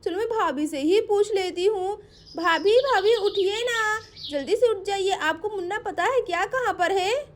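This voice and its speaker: A woman's voice: extremely high pitch, measured pace, a little hiss or hum. A woman voicing a caring, anxious young woman in a doll play story, calling out urgently.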